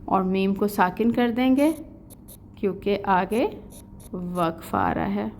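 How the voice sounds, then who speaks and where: Pakistani-accented woman teaching tajweed online, calm steady explaining, faint hiss behind. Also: mid-range voice. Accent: Pakistani Urdu. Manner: slow melodic recitation of verses, then plain explaining. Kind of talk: online recitation lesson.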